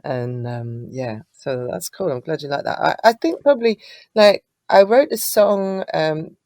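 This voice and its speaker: A singer-songwriter guest chats casually in an interview, telling warm stories full of fillers. She speaks in a deep voice at an unhurried pace.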